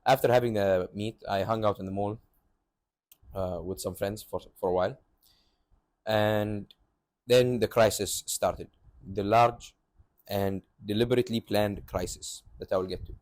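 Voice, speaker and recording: A man's voice: on the low side, darkish tone. A young man telling a comic story on his vlog, sarcastic and exaggerated, at times rising to mock outrage. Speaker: vlogger. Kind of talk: comedic storytelling.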